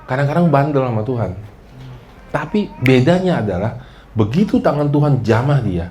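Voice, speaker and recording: A man preaching a sermon as pastor, lively and joking, acting out the prayers he quotes and often addressing his listeners directly. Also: medium pitch, moderate pace.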